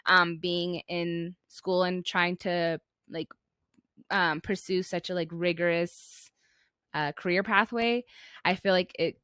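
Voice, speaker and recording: Young american woman podcast host, kinda low voice, thinking out loud, pretty dry sound. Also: fairly even intonation, takes it slowly, clear, resonant tone, no room sound. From Flagstaff, Arizona, United States. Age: young adult. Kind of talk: casual reflective chat.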